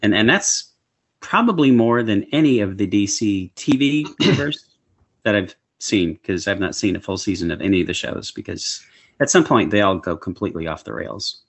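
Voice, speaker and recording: A man's voice: lowish voice, lively intonation, normal speed, slightly rough. A man co-hosting a casual podcast, upbeat and chuckling as he talks. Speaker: podcast co-host. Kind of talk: casual chat about comic book films.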